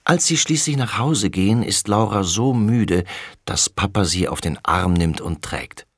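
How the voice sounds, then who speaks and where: Ein Mann, der ein Kinderhörbuch sanft und ausdrucksvoll vorliest. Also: male voice, lowish voice, unhurried, husky, no echo, studio quality. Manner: gentle, expressive storytelling. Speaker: audiobook reader. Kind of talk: children's storybook narration.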